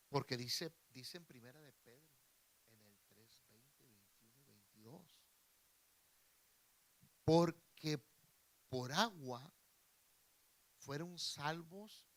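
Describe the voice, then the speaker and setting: Bright-voiced Mexican pastor preaching slowly. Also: male voice, mid-range voice. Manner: preaching with sudden loud emphatic bursts and quiet asides. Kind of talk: sermon.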